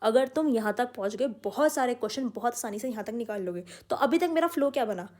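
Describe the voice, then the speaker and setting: A woman's voice: on the high side, expressive, fast talker, a little mellow. A woman teaching an online exam-prep lecture, talking emphatically and calling her students "beta". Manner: emphatic, addresses students as "beta", mixes English terms. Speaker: commerce tutor.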